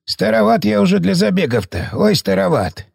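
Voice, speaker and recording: A man's voice: high-pitched, sing-song, moderate pace, gravelly, darkish tone, husky, dry recording, studio quality, full character voice. A man voicing an aging, jittery soldier. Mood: grumbling. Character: aging male mercenary technician, jittery and sentimental.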